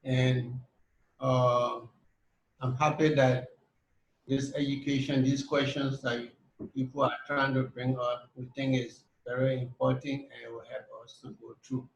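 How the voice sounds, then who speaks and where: A man heading an anesthesia program speaks slowly and hesitantly in a flat tone on a video call. His room echoes, with faint background noise. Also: mid-range voice, muffled recording. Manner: slow, hesitant.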